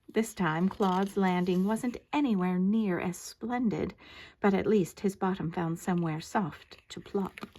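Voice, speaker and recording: A woman's voice: mid-range voice, a little mellow. An older woman with a grandmotherly manner reads a children's story aloud expressively, drawing out words for emphasis. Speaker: grandmother reading a children's book. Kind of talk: animated storybook narration.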